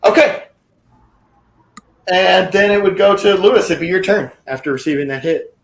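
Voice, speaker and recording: A man's voice: high voice, moderate pace. A man running a tabletop game as dungeon master, talking casually and swearing freely.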